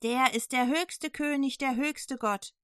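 A woman voicing an enraged, domineering queen who speaks in scornful, shrill outbursts. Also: measured pace, bright, forceful tone, no room sound, studio quality. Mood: furious scornful.

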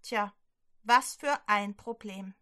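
A woman leading a prayer and telling a Bible story to children, gentle and clearly spoken. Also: mid-range voice, slow.

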